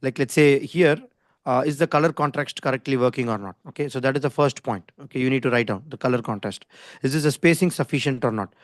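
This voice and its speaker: A man's voice: mid-range voice, quick pace, no echo, clean studio sound. A man with an Indian English accent teaching a live online design class informally, in an insistent, repetitive way, often checking that listeners follow. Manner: didactic, insistent, repeats himself, often checks with "okay?". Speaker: design skills instructor. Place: online video call with screen share.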